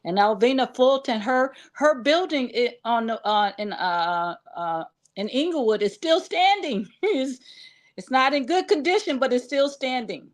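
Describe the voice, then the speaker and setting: A woman speaks as a guest on a radio talk show, her voice pitched a little high. She murmurs agreement often. When she takes her turn, she rambles with plenty of fillers. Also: lively intonation, measured pace.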